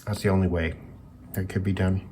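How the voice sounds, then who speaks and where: A man with a low, warm voice talks a little quickly and keeps his tone level as he gives off-the-cuff commentary on dismantling electronics. As a hobbyist radio reviewer, he sounds tentative and reflective, working through his thoughts aloud, with some noise in the background.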